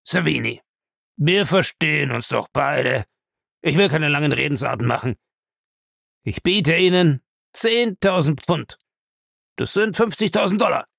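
A man's voice: on the high side, animated, unhurried, creaky, long pauses, fairly bright tone, no room sound, clean studio sound, pitched above the performer's own voice, heavily acted. A man reading a novel aloud, voicing an irascible, domineering old man who demands answers. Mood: bargaining, gruff.

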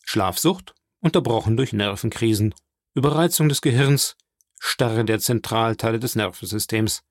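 A man reading an audiobook, voicing a grave, deliberate physician. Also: medium pitch, dry recording, clean studio sound, natural voice. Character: grave, measured male physician.

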